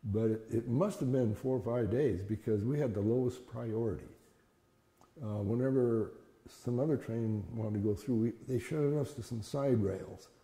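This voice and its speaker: An elderly man shares memories in a plain, conversational storytelling manner that halts now and then. His voice is very soft-edged and dark, with a gravelly creak. The recording rings with the long reverb of an echoey room. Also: mid-range voice, moderate pace. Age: older, 70s or above. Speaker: interviewee recounting childhood memories. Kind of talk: conversational oral-history storytelling.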